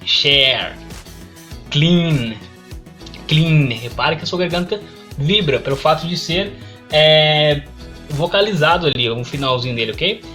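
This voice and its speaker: A man's voice: on the high side, expressive, moderate pace, bright, forceful tone, faint music behind. A man giving an online English lesson, who keeps checking in with "ok?" and "perfeito?". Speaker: English teacher.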